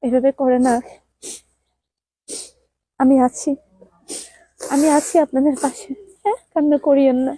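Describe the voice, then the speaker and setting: A woman in a vlog, gently coaxing and comforting crying children in a motherly way, then speaking to viewers. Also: high voice, flat delivery, measured pace, pauses often, dry recording, rough recording. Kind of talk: emotional vlog address.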